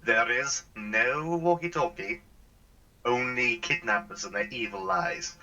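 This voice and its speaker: A man's voice: mid-range voice, lively intonation, measured pace, pushed and bright, dull audio, soft background music, exaggerated voice. A man voicing a talkative, pushy, melodramatic personal assistance drone in a tabletop role-play. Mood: melodramatic pleading. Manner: dramatic, wheedling, over-familiar.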